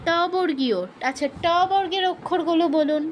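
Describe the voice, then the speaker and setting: A woman with a very high, darkish voice teaches an online class over a video call, slowly chanting verses to drill pronunciation and patiently quizzing students with corrective questions. A little hiss or hum is present.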